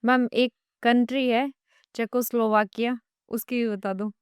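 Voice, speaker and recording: A woman's voice: fairly high pitch, fairly even intonation, measured pace, smooth, no room sound, studio quality. A woman hosting a podcast interview, asking questions politely and answering with short agreements. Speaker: podcast host.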